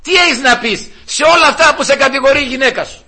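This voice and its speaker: A man's voice: extremely high pitch, sharp tone, pitched above the performer's own voice, full character voice. A preacher voicing a male court judge who questions and then rules firmly. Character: patient older male court judge, firm.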